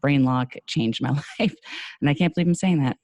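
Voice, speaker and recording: A woman with a New York accent, talking casually as a podcast guest, animated and quick to laugh with fast asides. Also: low voice, no echo. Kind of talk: casual conversation.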